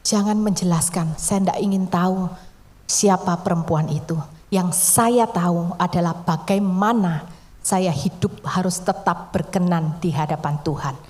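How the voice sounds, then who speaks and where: A woman preaching a sermon in a conversational storytelling way, often dropping to a soft near-whisper for emphasis. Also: fairly low pitch, a little slow.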